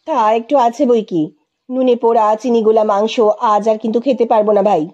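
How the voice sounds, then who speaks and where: A bossy, boisterous man in a storybook tale, as a woman narrator puts him on, giving orders in a commanding, teasing tone. The voice sits a little high, with a mellow, breathy softness. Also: steady tone, normal speed, muffled recording, natural voice. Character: loud bossy carefree man, old college friend.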